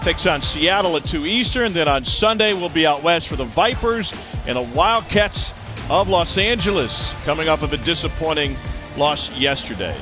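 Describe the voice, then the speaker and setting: Male announcer, high-pitched voice, live football play-by-play, music behind. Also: expressive, moderate pace. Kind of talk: live American football commentary.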